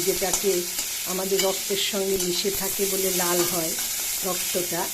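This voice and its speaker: Chatty woman cooking over loud sizzling. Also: mid-range voice. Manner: chatty, explains each step as she cooks. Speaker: cooking channel host. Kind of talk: casual cooking demonstration. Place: home kitchen. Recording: loud kitchen frying noise. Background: sizzling frying and clattering pots.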